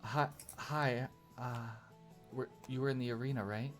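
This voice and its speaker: A man voicing a shy, middle-aged elf woman who stammers and speaks softly as she asks for help. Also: medium pitch, fairly even intonation, unhurried, soft background music, natural voice. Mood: timid. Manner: stammering, hesitant, soft-spoken.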